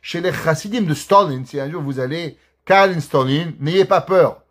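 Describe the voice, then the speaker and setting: A man, a rabbi, giving a recorded religious lesson and telling a story with lively acted-out dialogue. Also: fairly high pitch, moderate pace. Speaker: rabbi teaching a class.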